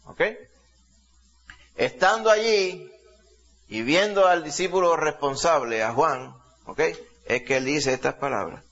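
A man's voice: a little high, measured pace, long pauses, fairly bright tone, lo-fi sound. A man from Latin America preaching a sermon in a conversational teaching style, full of rhetorical questions and "ok?" check-ins.

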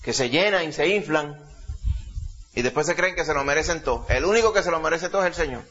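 Emphatic preacher. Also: male voice, on the high side, expressive, fast, a bit bright. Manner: emphatic, rhetorical questions to the congregation. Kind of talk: sermon. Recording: dull lo-fi recording.

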